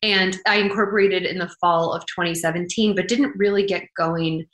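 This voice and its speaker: A woman's voice: lowish voice, fairly even intonation, normal speed, fairly bright tone. A woman being interviewed as a startup founder, speaking candidly and conversationally in jargon-heavy tech-founder talk. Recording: roomy, echoing sound.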